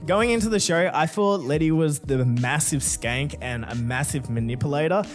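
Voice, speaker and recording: Young guy, crude and joking, slightly high voice, soft music behind. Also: normal speed. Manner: crude, blunt, joking, frequent swearing. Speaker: YouTuber answering fan questions. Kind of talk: casual Q&A.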